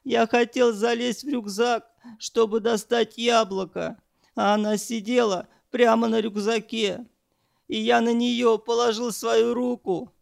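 A man's voice: flat delivery, a little slow, creaky, no echo, studio quality, exaggerated voice. A man voicing a cowardly young trainee who keeps crying and pleading. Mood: frightened. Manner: pleading, tearful, high-strung.

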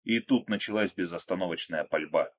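A man narrating an action story in a steady, measured, dramatic reading. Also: low voice. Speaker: audiobook narrator.

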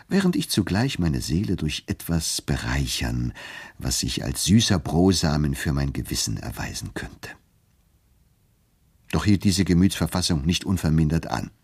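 A man narrating a literary reading of a novella in a measured, expressive, wry way. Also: low voice, slightly rough.

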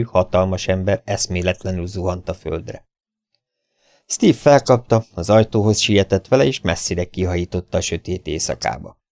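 A man narrating an audiobook in a steady, plain storytelling manner. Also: deep voice, no room sound. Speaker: audiobook reader.

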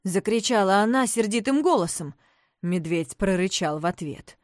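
A woman narrating a children's story with animated, expressive storytelling. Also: mid-range voice, moderate pace, no room sound, clean studio sound.

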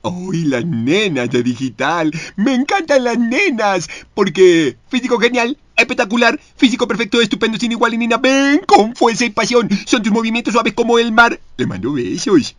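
A vain little lemur king from a cartoon. The voice sits high and leaps around with theatrical sass, excitable and playful. It is recorded close and very dry. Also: normal speed, few pauses, no room sound. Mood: adoring, showy. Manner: theatrical, sassy, swooping between exclamations and asides.

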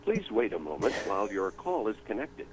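A man's voice: on the low side, sing-song, a little fast, heavy background noise. A man's voice giving a recorded, automated call-screening announcement, heard over a landline phone in a formal, instructional manner. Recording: dull lo-fi phone line.

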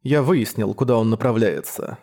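A man voicing a cold, detached young male hunter who talks flat and emotionless. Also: mid-range voice, moderate pace, natural voice.

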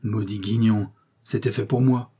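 A man reads a storybook passage aloud, voicing a bitter, tearful old farmer grieving for his lost master. His voice is on the low side, steady and unhurried, dark and mellow underneath, yet husky and straining upward as the grief breaks through.

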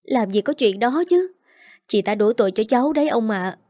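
A woman reading the part of a spiteful young aunt who scolds a child, fast and sharp. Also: a little high, expressive, dry recording, clean studio sound, close to an everyday voice. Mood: aggrieved. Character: spiteful young stepmother-aunt, shrill and cruel.

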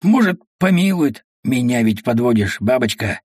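A man's voice: mid-range voice, sing-song, normal speed, husky, no echo, clean studio sound. A man doing a fawning bustling watchman. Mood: fawning eager. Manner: obsequious, shouting. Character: fussy servile old watchman in a sheepskin coat.

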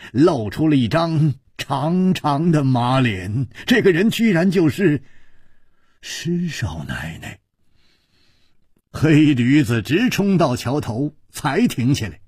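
A man's voice: mid-range voice, a little mellow, slightly rough, dry recording, studio quality. A man telling a traditional long-form story aloud with a dramatic, rising and falling delivery.

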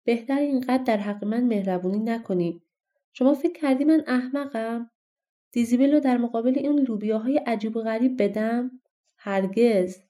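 A woman's voice: mid-range voice, dark tone, natural voice. Jack, a hopeful young boy, read by a woman. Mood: excited. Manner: eager, quick to protest.

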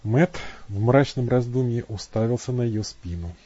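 A man reading a novel aloud as narrator, in steady, even storytelling. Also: mid-range voice, normal speed, dry recording, dull audio. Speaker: audiobook narrator. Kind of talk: scripted narration.

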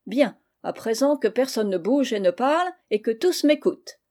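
A woman reading an audiobook voices an elderly aunt who is bossy and merry, calling out brisk commands. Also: fairly high pitch, lively intonation, warm tone, pitched above the performer's own voice, natural voice. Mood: bossy lively.

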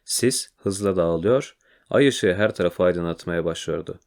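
A man narrating a children's storybook in a quiet, measured way. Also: deep voice. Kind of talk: storybook reading.

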